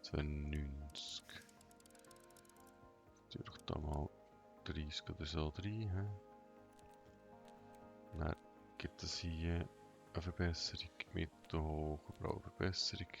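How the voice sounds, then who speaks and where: A man giving an unscripted game walkthrough in a flat, emotionless monotone, thinking aloud in short, hesitant fragments. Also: extremely low pitch, takes it slowly, vocal fry, long pauses. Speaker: gaming tutorial host. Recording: dull lo-fi sound, music behind.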